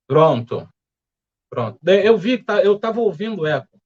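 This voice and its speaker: A man with a Brazilian Portuguese accent leading a spiritual study group, speaking in a calm, gentle, explanatory way. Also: high voice, moderate pace, highs cut off. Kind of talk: reflective spiritual study talk. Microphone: home setup with earphones.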